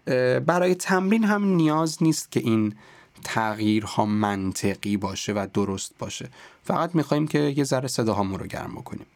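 A man teaching a podcast lesson on voice and speech, explaining calmly and sometimes dropping to a near-whisper to demonstrate. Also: mid-range voice, dry recording. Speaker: voice and speech coach.

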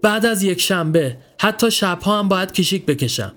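A man's voice: sits high, expressive, fairly bright tone, pitched above the performer's own voice. A man voicing a stubborn nine-year-old boy standing guard, answering tersely and defensively.

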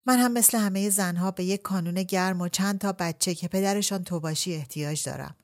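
Low-voiced frank young woman, earnest and pleading, read by a woman audiobook. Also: close to an everyday voice.

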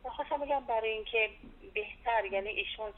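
A woman in her sixties, a patient's wife calling for advice, with a gravelly voice. She is agreeable and keeps affirming, heard over a landline phone line. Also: fairly high pitch. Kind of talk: phone consultation. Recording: tinny phone line with faint hiss.

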